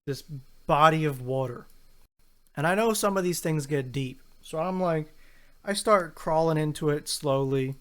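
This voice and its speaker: A man's voice: a little high, measured pace, clean tone. A man co-hosting a podcast, telling a story in laid-back, plainspoken casual chat. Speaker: podcast co-host.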